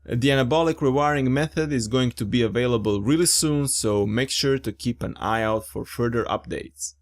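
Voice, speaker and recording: A young man with a medium-pitched voice hosts a fitness podcast at normal speed. His casual podcast chat is upbeat, enthusiastic, and informal.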